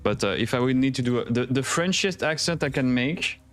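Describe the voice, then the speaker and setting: A man on a gaming livestream, chatting casually and playfully and reading the game's dialogue aloud, with sudden excited jumps. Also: medium pitch, a little fast, soft background music. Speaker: streamer.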